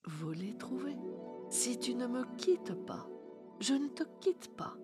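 A woman reading a soft clever little girl. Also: a little high, very animated, takes it slowly, over loud music. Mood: pleading. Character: clever little girl, calm and quick-witted.

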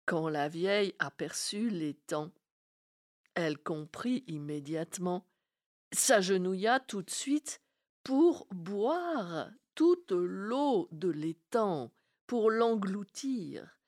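A woman narrating a fairy tale in a slow, expressive storybook reading. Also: medium pitch.

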